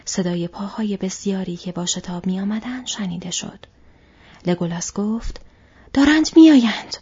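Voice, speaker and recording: A woman narrating a fantasy story as an audiobook in whispered role-play, with a steady, breathy whisper. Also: on the low side, highs cut off.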